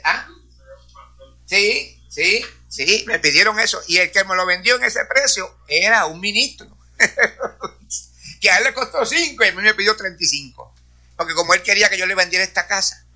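A man speaks to a congregation in a testimony-style sermon, sprinkling hallelujahs and praise between his sentences. His voice sits high for a man, with a sharp, very bright edge. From Puerto Rico. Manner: peppers speech with hallelujahs and praise. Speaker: church speaker.

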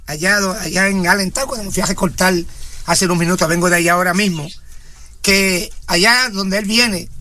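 A man's voice: high voice, pushed and bright. A man, preaching and praying fervently on a radio ministry program, with frequent interjections of praise. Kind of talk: radio sermon and prayer.

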